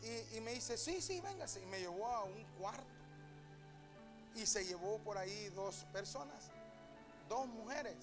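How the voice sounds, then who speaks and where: A male pastor preaching a sermon in a church, telling a story and rising to shouts and half-sung lines. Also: high-pitched, a little slow, long pauses, over music. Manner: shouting and half-singing at climaxes, retelling a story with quoted voices.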